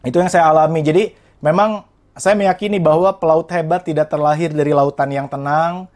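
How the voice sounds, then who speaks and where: A young man in his twenties from West Java speaks as an interview guest, his voice sitting a little high for a man. He tells his story earnestly and keeps turning to address the listeners in a motivational tone. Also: fairly even intonation, brisk, darkish tone. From Indonesia, West Java. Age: 20s.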